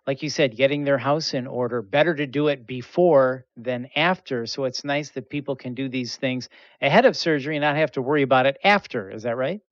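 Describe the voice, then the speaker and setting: A man's voice: medium pitch, fairly quick, no room sound, muffled recording. A man hosting a podcast interview, upbeat and summing up his guest's answers. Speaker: podcast host.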